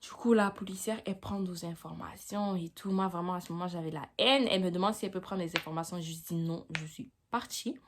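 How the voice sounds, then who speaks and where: A woman's voice: lowish voice, a little fast, hardly any pauses, slight background noise. A young woman vlogger telling a personal story time in a slangy, chatty way, with frequent "tu vois".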